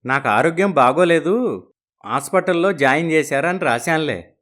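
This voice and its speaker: A woman's voice: low-pitched, animated, normal speed, fairly bright tone, pitched below the performer's own voice. A woman voicing an easygoing middle-aged husband in a storybook, teasing and reassuring his wife. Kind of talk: storybook narration.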